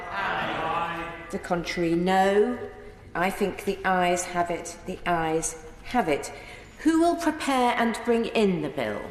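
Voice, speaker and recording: A woman chairs parliament with formal procedural calls, her pitch rising and falling markedly. Her voice echoes around the hall, with faint noise behind it. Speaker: deputy speaker chairing parliament. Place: large indoor debating chamber.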